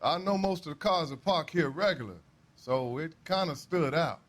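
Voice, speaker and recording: An actor playing a plain-spoken, defensive American railway worker questioned as a witness in a period crime game. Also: male voice, fairly high pitch, expressive, moderate pace, fairly bright tone. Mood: casual, cooperative. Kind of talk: acted crime drama dialogue.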